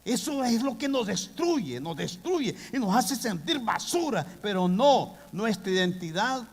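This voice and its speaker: A man preaching a sermon, impassioned, with sudden loud bursts. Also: high voice, big pitch swings, a little slow, breathy edge. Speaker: pastor. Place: church hall. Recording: long hall reverb.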